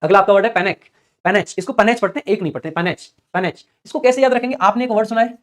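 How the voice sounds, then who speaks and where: Fast-talking male teacher. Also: high-pitched. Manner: fast, chatty, repeats key words in chanting rhythm. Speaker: English vocabulary teacher. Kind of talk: exam-prep vocabulary lesson with memory tricks.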